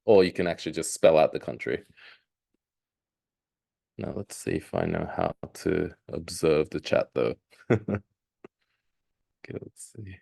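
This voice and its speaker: A man's voice: extremely low pitch, wildly swooping pitch, measured pace, vocal fry, long pauses, mellow. A man in his thirties, raised in Australia, giving a live online presentation with many ums and uhs. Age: 30s. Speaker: webinar presenter.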